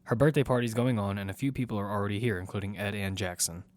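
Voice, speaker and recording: In an audio drama, a man both narrates and acts in scenes as the lead, playing Damian, a protective single father of a six-year-old girl. His voice is on the low side, steady, and fast, lightly acted in a reflective narrating mood. There's no room sound, but loud music runs under his voice.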